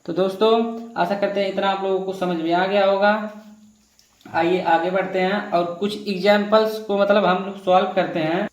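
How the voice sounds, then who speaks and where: A man's voice: high voice, flat delivery, normal speed, roomy sound, poor audio. A man teaching a grammar lesson, explaining rules step by step and repeating himself while addressing viewers as friends.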